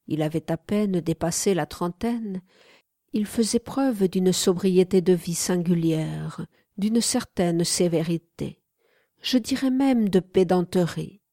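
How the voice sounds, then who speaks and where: A woman narrating a literary audiobook in a calm, measured way. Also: lowish voice, dry recording, studio quality.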